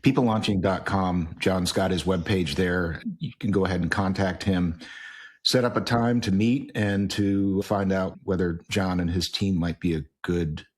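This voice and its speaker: Casual male podcast host, low voice. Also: fairly even intonation, unhurried, darkish tone. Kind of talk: podcast interview.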